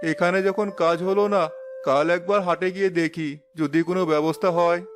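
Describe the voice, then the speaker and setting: In a Bangla cartoon, a man voices a worried, despairing middle-aged village father, sounding plaintive, lamenting and resigned. His natural voice is high-pitched with fairly even intonation and a moderate pace, and music plays behind him.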